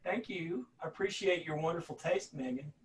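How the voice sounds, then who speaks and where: A man's voice: on the high side, normal speed, husky. An older man, a college philosophy instructor talking casually to his class over a video call, folksy and rambling, often restarting his sentences.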